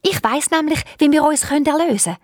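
A woman with a Swiss German accent voicing a sorrowful young princess who was turned into an owl, speaking in a hoarse voice. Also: high-pitched, brisk, no echo, clean studio sound, voice pushed up, lightly acted. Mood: plaintive.

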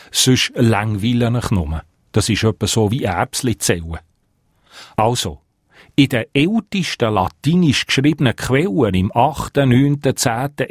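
A male radio reporter reading a scripted explainer segment in a measured, precise way. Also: medium pitch, dry recording, clean studio sound.

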